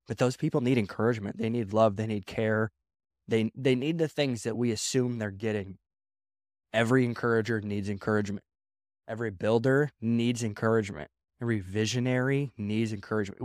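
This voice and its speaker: Speaking as a pastor, a man gives a casual, sermon-style talk on leadership, repeating phrases and acting out the voices he quotes. His voice is lowish. The recording is dry, with a clean studio sound.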